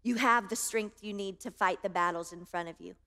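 A woman's voice: medium pitch, a little fast, pushed and bright. A woman in her thirties preaching a sermon, impassioned and emphatic, building through repeated phrases. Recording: long hall reverb.

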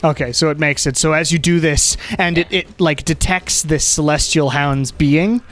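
A man's voice: a little high, steady tone, normal speed, fairly bright tone, faint music behind. A man narrating and ruling as game master in a tabletop role-playing session.

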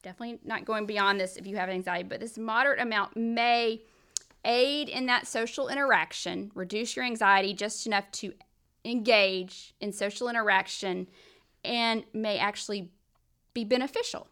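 A woman with a Southern US accent co-hosting a health podcast. She chimes in with friendly remarks and sums up what her partner said, at a mid pitch in a relaxed chatting tone. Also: normal speed, clear, resonant tone. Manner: adds friendly comments and summaries. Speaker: podcast co-host. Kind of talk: casual health podcast discussion.

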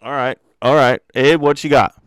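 A man's voice: mid-range voice, steady tone, normal speed, smooth, no room sound, studio quality. A man hosting a casual podcast chat, joking and swearing as he calls on each of his friends in turn. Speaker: podcast host.

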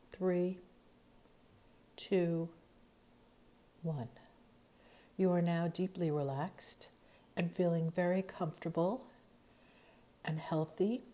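Woman, guided meditation narration, dark mellow tone, slow pacing, hypnotic, soothing, long pauses, soft breathy phrase endings. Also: lowish voice.

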